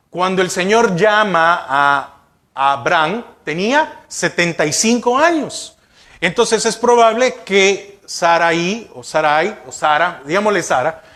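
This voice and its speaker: A man's voice: high voice, sharp tone. A male pastor preaching a sermon, asking the congregation rhetorical questions.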